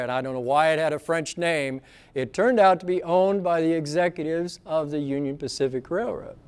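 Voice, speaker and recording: A man's voice: on the high side, darkish tone, clear, resonant tone. A man giving a live local history talk with slides, conversational and asking the audience questions.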